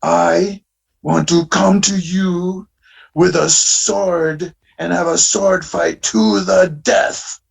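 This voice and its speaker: A man's voice: high-pitched, fairly even intonation, very slow, creaky, pitched above the performer's own voice, full character voice. A man mimicking an unhinged German-speaking woman who rants and threatens. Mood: menacing.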